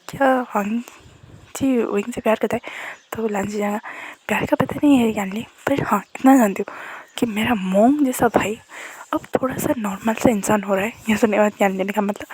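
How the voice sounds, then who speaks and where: A woman casually retelling a drama's plot as a storyteller, moving quickly between narration and the characters' lines. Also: a little high, darkish tone, rough recording. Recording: faint background noise.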